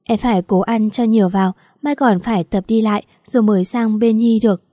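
A woman's voice: fairly high pitch, steady tone, a little fast, no room sound, clean studio sound, natural voice. A woman reading the lines of a caring older sister who comforts her sibling. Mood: soothing. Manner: gentle, comforting.

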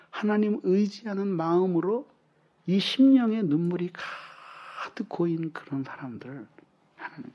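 Animated man preaching a sermon. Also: a little high, husky. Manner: animated storytelling, acting out quoted dialogue and dropping to whispers. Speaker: pastor. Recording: muffled lo-fi sermon recording.

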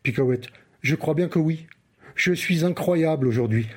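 A man's voice: on the high side, measured pace. A man reading a storybook character who is boastful and teasing, acting as if he is the boss. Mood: cheeky. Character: Picaouette, cheeky bossy storybook character.

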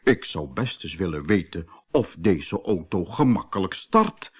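A man voicing a boastful, reckless male toad in a children's storybook, excitable and prone to wailing. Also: deep voice, measured pace, slightly rough, voice pushed down, heavily acted. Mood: scheming.

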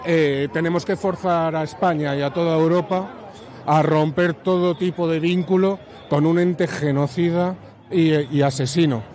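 Manifestante indignado y enfático. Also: male voice, on the high side, fairly even intonation, normal speed, a little mellow. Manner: emphatic and indignant. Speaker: protester. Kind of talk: street interview.

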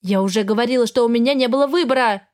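A woman's voice: on the high side, a little fast, a little mellow, close to an everyday voice. A woman voicing a defiant young bride forced into marriage, stubborn and protesting.

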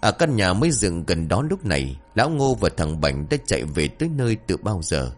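A man narrating a ghost story with lively, expressive storytelling. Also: sits low, brisk. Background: faint music.

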